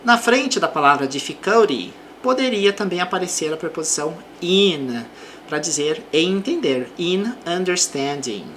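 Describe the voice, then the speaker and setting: A woman with a Brazilian accent teaching English, reading example sentences slowly and explaining them. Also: fairly low pitch, expressive, a little hiss or hum. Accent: Brazilian Portuguese. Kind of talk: slow explanatory language lesson.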